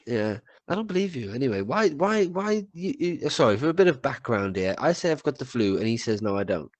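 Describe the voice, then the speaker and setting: Co-hosting a podcast while fighting a cold, this man rambles through casual chat, swearing, stumbling and repeating words. His mid-range voice has a sing-song lilt and moves fairly quickly, captured in a dry recording.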